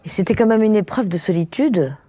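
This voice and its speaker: A woman's voice: medium pitch, animated, fairly quick, warm tone, a little hiss or hum. A woman hosting a podcast, interviewing a guest with short curious questions. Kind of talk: conversational interview.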